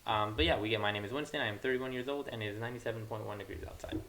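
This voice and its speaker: Racing along in a lowish, somewhat bright voice, a young programming tutorial host thinks aloud informally while he works through his code. Keyboard typing and mic hiss run through the audio.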